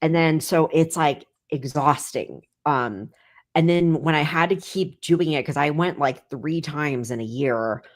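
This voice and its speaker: Woman, 30s, low voice, rambling casual chat, filler-heavy. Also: unhurried. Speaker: guest comedian.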